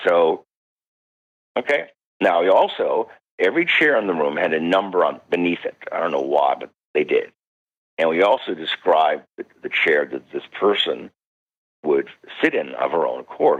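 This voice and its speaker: An older male parapsychologist, guesting on a radio interview, tells a story with great animation in a very deep, husky voice. He acts out the quoted voices and swoops high when excited, all on dull, lo-fi audio.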